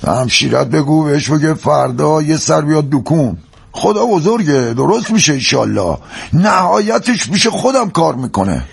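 An actor playing a proud, teasing traditional husband and shopkeeper who is husky and boastful. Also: male voice, a little high, very animated, exaggerated voice. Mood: jovial.

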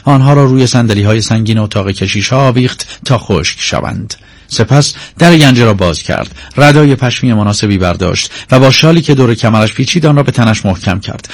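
Male audiobook narrator, steady measured reading, middle pitch, close mic, totally dry no room sound. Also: no room sound. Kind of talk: scripted narration.

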